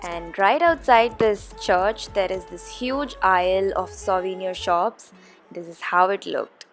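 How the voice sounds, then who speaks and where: A woman's voice: medium pitch, a little slow, soft background music. A young woman from India narrating a casual travel vlog, chatty with frequent ums and uhs. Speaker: travel vlogger.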